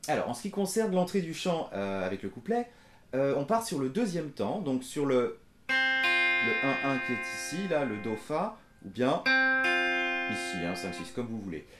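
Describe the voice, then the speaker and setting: A man giving a casual guitar lesson in a small room, talking in a relaxed way and counting beats aloud. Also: medium pitch, normal speed, echoey room. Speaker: guitar teacher. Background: electric guitar playing.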